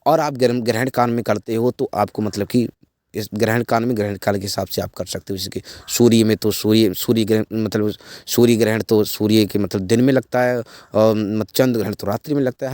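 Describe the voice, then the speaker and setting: A man's voice: on the low side, a little mellow, no echo, studio quality. A man explaining a ritual step by step to his viewers in a rambling way, repeating himself and leaning on filler phrases. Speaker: occult ritual channel host. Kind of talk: spoken ritual instructions to viewers.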